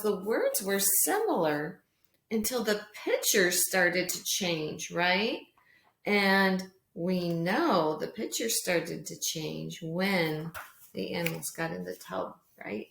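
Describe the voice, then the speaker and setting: A woman's voice: fairly low pitch, animated, slow, gravelly, a bit bright, a little hiss or hum. A woman speaking as a kindergarten teacher, talking simply to small children as if reading aloud to them in a read-along lesson. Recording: roomy echo.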